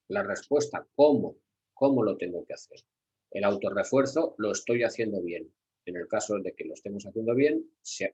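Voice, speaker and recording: A man's voice: fairly low pitch, a little mellow, breathy edge, highs cut off. A middle-aged man from Spain with a Spanish accent, lecturing at a workshop for security staff, repeating key words and asking rhetorical questions. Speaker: security trainer.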